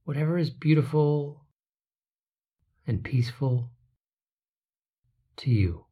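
Relaxation guide, very slow and husky, words fading to whispers, dull lo-fi recording. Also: medium pitch, expressive. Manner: soft, drawn-out phrases trailing into whispers.

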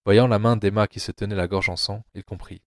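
A man reads a novel aloud as an audio drama in a very low, steady voice. The recording is close and dry, with no room sound. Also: a little fast, no echo. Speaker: narrator.

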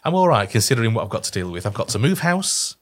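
A man's voice: mid-range voice, sing-song, fast. A British man hosting a podcast with casual, teasing banter. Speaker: podcast host.

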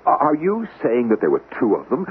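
A man's voice: medium pitch, wildly swooping pitch, a little fast. An actor playing a nervous wealthy man who stammers and pleads as he grows hysterical, in a 1970s radio drama. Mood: anxious. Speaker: employer of a servant. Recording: tinny old radio broadcast, faint hiss.

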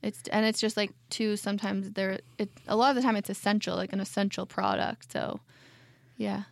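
A woman in her late twenties co-hosting a casual podcast chat, relaxed and chatty with lots of fillers. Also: medium pitch, moderate pace, creaky, dry recording, studio quality. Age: 20s. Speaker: podcast co-host. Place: studio.

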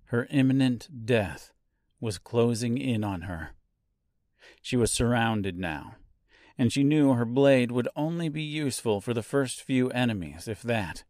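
A man's voice: medium pitch, lively intonation, a little slow, darkish tone, dry recording, clean studio sound. A man reading a novel aloud as scripted narration, drawing out key words for drama. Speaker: audiobook narrator.

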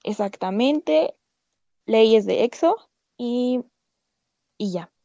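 A woman's voice: a little high, lively intonation, takes it slowly, dark tone, no echo, dull audio. A woman co-hosting a casual podcast chat, correcting herself as she goes. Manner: chatty, self-correcting. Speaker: podcast co-host.

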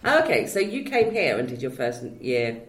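A woman's voice: very deep voice, very animated. Chatty woman host in her forties. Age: 40s. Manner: chatty, self-deprecating, quick to laugh. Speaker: podcast host. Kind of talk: casual interview chat. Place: comedy venue. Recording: echoey room.

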